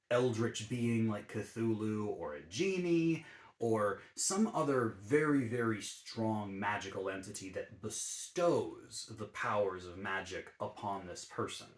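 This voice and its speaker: Relaxed low-voiced man explaining a game class. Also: slow, roomy sound. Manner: easygoing and explanatory, with frequent ums and uhs. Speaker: YouTube D&D channel host.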